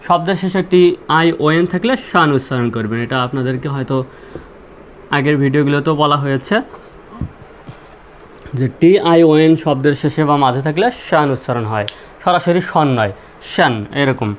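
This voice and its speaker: A man with a somewhat high voice teaches a language lesson at a slow, repetitive pace. He poses questions to his viewers and answers them himself, one step at a time. Faint noise hisses under the recording. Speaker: English teacher.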